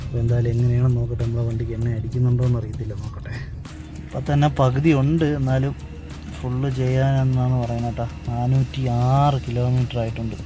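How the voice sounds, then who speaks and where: A man's voice: medium pitch, little pitch movement, fast. A man with a Kerala Malayali accent chatting casually to viewers as a travel vlogger, mixing English words into his speech. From Kerala, India. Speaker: solo travel vlogger and driver. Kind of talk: casual vlog chat to viewers. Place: mostly inside a car on the road. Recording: loud music over in-car vlog audio.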